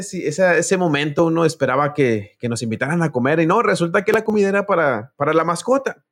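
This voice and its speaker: Higher-voiced man preaching a sermon. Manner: storytelling, addresses listeners directly; reads scripture aloud.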